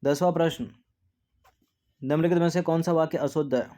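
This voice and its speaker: A man teaching an exam practice lesson, repeating words to drill spelling, often dropping to a soft low aside after each answer. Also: steady tone, a little fast.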